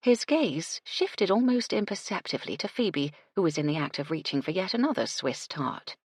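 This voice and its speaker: Husky low-voiced woman narrating an audiobook, dry close sound. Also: very animated, normal speed, no room sound. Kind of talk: scripted narration.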